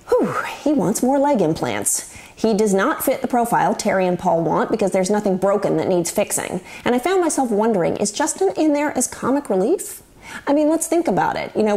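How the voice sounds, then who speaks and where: A woman's voice: medium pitch, a little mellow. A woman in her forties hosting a show, giving wry, chatty, scripted commentary to the camera. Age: 40s. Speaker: host.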